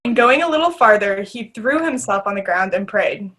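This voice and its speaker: A woman's voice: medium pitch, lively intonation, moderate pace, fairly bright tone. A woman reading scripted scripture narration as the narrator of a readers theater.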